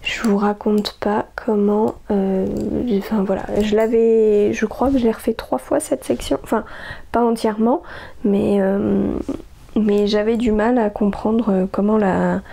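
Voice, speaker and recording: A woman's voice: mid-range voice, steady tone, unhurried, creaky, mellow. A woman, chatting casually about her knitting projects as host of a crafting podcast, hesitant, with many fillers and restarts.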